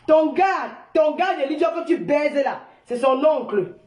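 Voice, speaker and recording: An older woman, loudly mocking and insulting someone in a heated, repetitive live-stream rant. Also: sits high, expressive, moderate pace. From Cameroon. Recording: echoey room.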